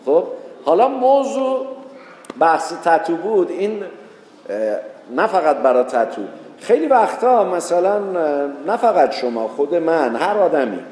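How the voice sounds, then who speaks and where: A man delivers a sermon, telling a story and jumping into the voices of its characters. His voice sits fairly high. It rings through a large hall with a long reverb. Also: very animated, darkish tone. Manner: storytelling, acts out quoted voices with rising pitch. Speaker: religious teacher.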